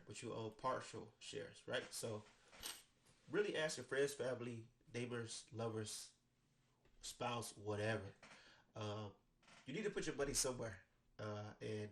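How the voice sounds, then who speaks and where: A man's voice: medium pitch, fairly bright tone, a little hiss or hum. A man with an American accent and a stuffy nose from a cold, casually explaining finance topics into a desk microphone. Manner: loose and conversational, many "right?" tags. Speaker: finance educator. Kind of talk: casual explainer talk to camera. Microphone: studio microphone with headphones.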